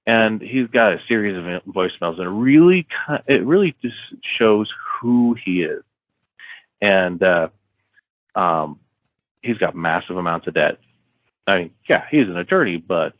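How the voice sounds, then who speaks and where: Brief: male author guest, rambling storyteller, very low voice, phone-quality audio. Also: lively intonation, a little slow, long pauses, dry recording. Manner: rambling, many fillers and restarts. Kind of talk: podcast interview, retelling a story. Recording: tinny phone-like line, dry.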